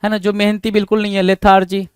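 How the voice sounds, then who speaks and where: In a fast exam-prep vocabulary lesson, a high-voiced man speaks in a clear, smooth, completely flat tone. He keeps asking the class rhetorical questions, answers them himself, and repeats each key word. The sound is close and dry, with no echo.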